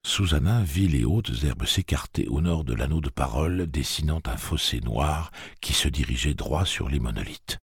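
A man reading a dark fantasy audiobook in an expressive storytelling manner. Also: a bass voice, moderate pace, gravelly, few pauses, breathy edge, dry recording, studio quality. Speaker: audiobook narrator. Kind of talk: dramatic audiobook narration.

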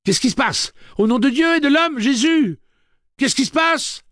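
A man voicing a panicked, frightened woman in a high, frantic voice. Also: expressive, moderate pace, fairly bright tone, no room sound, clean studio sound.

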